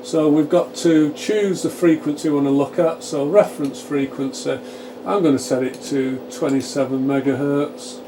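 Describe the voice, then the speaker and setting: At a moderate pace and in a higher-than-average voice, a radio repair channel presenter gives an informal live demonstration, walking through each step and voicing his thoughts. Fans cooling his test equipment hum steadily in the small workshop.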